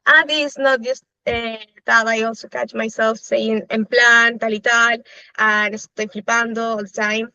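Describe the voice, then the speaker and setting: A woman's voice: fairly high pitch, little pitch movement, measured pace, pushed and bright, clean tone, no echo. A young Chilean woman, a native Spanish speaker, answers interview questions in English with a Chilean Spanish accent, thinking aloud with frequent "eh" fillers. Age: young adult. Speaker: interviewee, law student. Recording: dry, slightly dull lo-fi recording.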